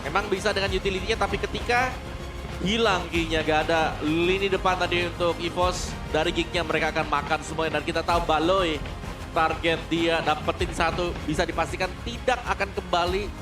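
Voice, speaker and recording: An Indonesian man gives post-game esports analysis in a high voice, with music clearly heard behind him. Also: fairly even intonation, brisk.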